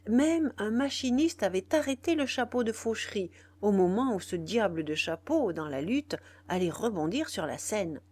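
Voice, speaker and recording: A woman narrating a classic novel in a measured, expressive reading style. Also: medium pitch. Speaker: audiobook narrator. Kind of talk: scripted literary narration.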